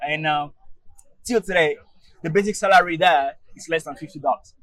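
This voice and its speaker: A man's voice: fairly high pitch, normal speed, a bit bright, no echo. A man from Togo with a Togolese accent, talking casually as an interview guest in an emphatic way, often repeating words and checking in with "right?". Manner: emphatic, repeats words, tags phrases with "right?" and "you know". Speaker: podcast guest, public speaking group organizer.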